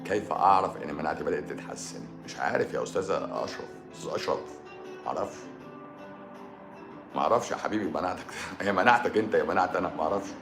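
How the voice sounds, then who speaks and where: A man with an Egyptian Arabic accent hosts a live stream, answering viewers' questions with jokes and sarcasm. His voice sits low and comes out rapid-fire and creaky, over a roomy echo with music in the background.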